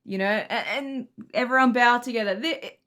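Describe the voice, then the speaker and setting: A young woman with an English accent hosting a casual music reaction video, chatty and excitable, laughing often. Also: on the high side, normal speed. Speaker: music reaction channel host.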